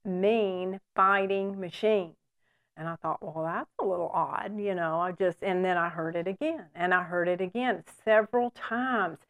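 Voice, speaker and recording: Woman in her sixties, Bible teacher, earnest, conversational, frequent amens, medium pitch.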